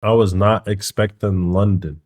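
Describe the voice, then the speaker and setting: Casual low-voiced male reaction host. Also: measured pace. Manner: casual, excitable, swears freely.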